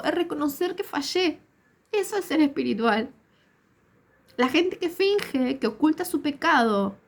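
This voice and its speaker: High-voiced Rioplatense woman preaching. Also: a little mellow. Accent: Rioplatense Spanish. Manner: earnest, repetitive emphatic phrasing. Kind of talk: sermon.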